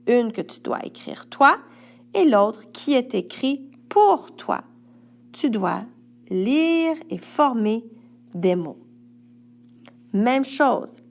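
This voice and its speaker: A woman teacher with a Quebec French accent records worksheet instructions for a child. She speaks slowly and patiently, one step at a time. Her voice has a gravelly, creaky texture. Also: on the high side. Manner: patient, speaks directly to a young pupil step by step.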